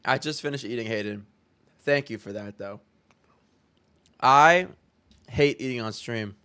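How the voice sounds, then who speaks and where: A man's voice: mid-range voice, unhurried, sharp tone, smooth. Young male streamer, offhand reaction chatter, swears casually. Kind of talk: casual live-stream commentary.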